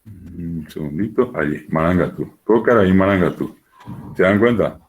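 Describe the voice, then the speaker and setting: A man with a low voice gives a lecture, walking through examples patiently and repeating them so learners can follow. He sounds like he is speaking over a video call. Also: moderate pace. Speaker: teacher.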